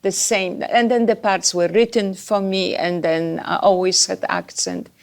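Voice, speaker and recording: A woman from Poland with a Polish accent, a podcast guest chatting about her life and career with pauses and fillers. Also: mid-range voice, fairly even intonation, vocal fry. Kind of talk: podcast interview.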